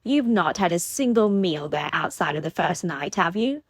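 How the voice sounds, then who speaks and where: A woman voicing a playful, teasing young gentlewoman of the gentry, a bit higher than her narrating voice. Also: normal speed, slightly rough, no room sound. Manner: lively, teasing.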